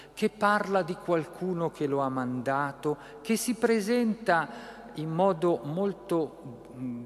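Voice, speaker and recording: A man preaching a sermon on a Gospel passage, slow and emphatic, asking his listeners "no?" as he goes. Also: on the high side, in a large hall. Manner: slow, emphatic, with rhetorical "no?" tags.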